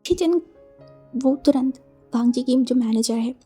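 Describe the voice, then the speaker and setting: A woman's voice: high-pitched, measured pace, dark tone, husky, faint music behind. A woman narrating a fan fiction story in a casual, chatty way, dropping in English connecting words.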